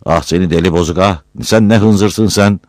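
A man's voice: low voice, moderate pace, a little mellow, no echo, studio quality, natural voice. A man voicing a teasing village man who mocks his friend. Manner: mocking.

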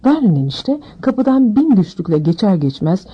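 A woman narrating an audiobook in a steady, measured reading. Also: medium pitch, breathy edge, highs cut off.

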